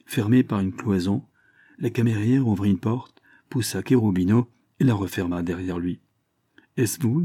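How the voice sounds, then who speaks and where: A male audiobook narrator reads a classic tale in scripted narration, measured and even. His voice is low and dark, with a husky grain. The sound is close and dry. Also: dry recording.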